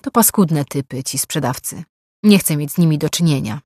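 A man's voice: on the high side, normal speed, darkish tone, no echo, clean studio sound, natural voice. A woman voicing a sly, chatty older male pawnshop owner who talks in a slightly raised, boastful way.

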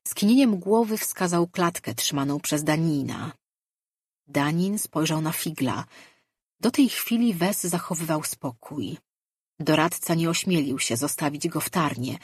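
An audiobook narrator reading a fantasy novel in a measured, even storytelling manner, with a husky voice. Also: medium pitch, no echo, studio quality.

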